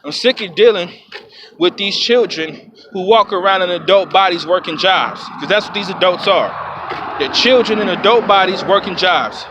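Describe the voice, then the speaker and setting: A man's voice: high-pitched, moderate pace, dull audio. A man giving a blunt, emphatic vlog rant, repeating his points. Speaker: vlogger. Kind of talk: ranting vlog monologue. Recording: noisy outdoor street with traffic.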